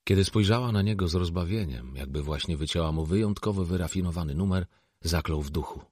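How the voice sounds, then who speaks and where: A man reads a novel aloud in a measured, steady narration. His voice sits very low and has a husky grain, and it is recorded close and dry with no room sound. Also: no echo. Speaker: audiobook narrator. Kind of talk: scripted narration.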